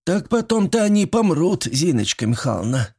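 Guy doing a chatty old village granny, fussy and folksy, way up high. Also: sing-song, moderate pace, dark tone, slightly rough, heavily acted. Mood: fussing. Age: older.

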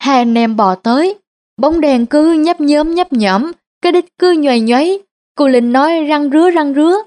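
High-voiced Central Vietnamese woman storyteller. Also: unhurried, darkish tone. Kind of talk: comic folk story narration.

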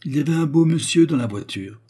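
Sly old widow concierge, gossipy, teasing, raised pitch, husky, man doing the voice. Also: lively intonation, quick pace, dark tone. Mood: sly gossip. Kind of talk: audiobook character voice.

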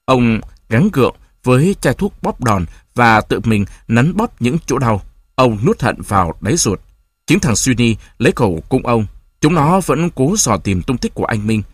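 Guy reading an audiobook, animated delivery, dry close mic. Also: mid-range voice, breathy edge, no room sound. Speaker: audiobook narrator. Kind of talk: audiobook narration.

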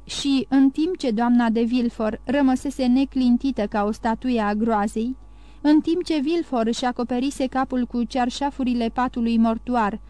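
A woman narrating a classic novel as an audiobook, reading in a measured, even way. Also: on the high side, dry recording. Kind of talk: scripted narration.

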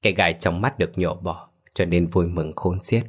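A man with a deep, low voice narrates a scripted ghost story. His reading is steady and even, with no rush. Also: normal speed.

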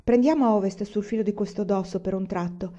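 A woman reading the lines of a young man, steady and practical in how he talks. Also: mid-range voice, fast talker, dull audio, natural voice. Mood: calm. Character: young man driving a sled in the cold.

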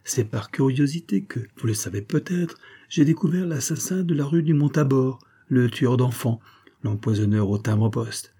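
A man's voice: medium pitch, normal speed, warm tone, slightly rough, voice pushed up, lightly acted. A man voicing a cool, bold detective who speaks coldly and teases his opponent in a storybook reading. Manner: cold, teasing and self-assured. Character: cool, sly male detective, mocking and bold.

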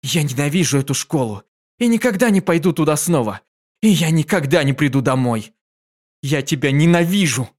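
A man voicing an upset little unicorn filly in an audiobook reading, with a shrill, tearful voice. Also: animated, moderate pace, lightly acted. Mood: furious. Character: small unicorn filly, hurt and angry.

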